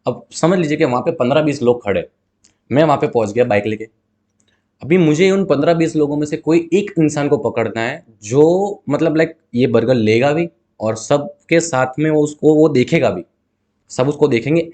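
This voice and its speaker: A man's voice: on the high side, lively intonation, normal speed, darkish tone. A man, a guest telling a story in a casual interview. He talks animatedly, acts out both sides of talks with customers, and mixes in English words. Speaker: guest, burger seller.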